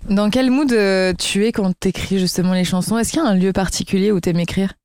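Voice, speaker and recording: A woman's voice: mid-range voice, fairly quick, darkish tone. A woman hosting a casual radio interview, asking questions in an informal way.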